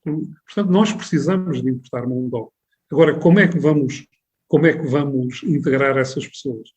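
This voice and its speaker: A man from the Alentejo region of Portugal, speaking with its accent, appears as a guest in a radio studio interview in his role as regional tourism board president. He talks at length with many restarts and rhetorical questions, in a mid-range, darkish voice at a slightly fast pace, and the audio sounds dull.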